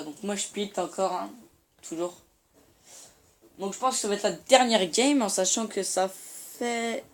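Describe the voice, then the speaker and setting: A teenage boy chatting in slang while he plays a shooter and comments on it. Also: high-pitched. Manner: slangy, rambling, excitable. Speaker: gaming YouTuber. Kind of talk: casual gameplay commentary. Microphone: phone filming the screen. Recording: faint room noise, phone recording.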